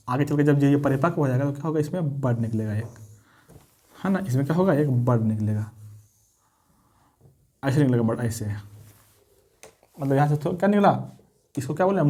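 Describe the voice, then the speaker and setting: A man's voice: a little high, darkish tone. A man teaching biology at a board, asking rhetorical questions, answering them himself and repeating key terms. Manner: repeats key terms, mixes Hindi and English. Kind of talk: blackboard lesson.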